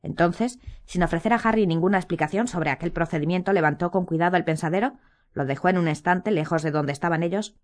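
Woman narrating an audiobook in a lower voice. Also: quick pace. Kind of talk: scripted narration.

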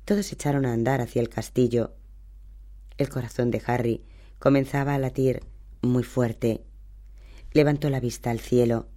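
A man reading a novel aloud as an audiobook narrator, in steady, even storytelling. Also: medium pitch, normal speed, long pauses. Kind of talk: scripted narration.

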